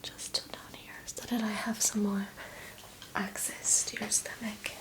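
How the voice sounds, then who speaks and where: A woman doing a whispered role-play as a spa massage host, speaking in a soft, soothing, gentle whisper. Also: mid-range voice, flat delivery, unhurried.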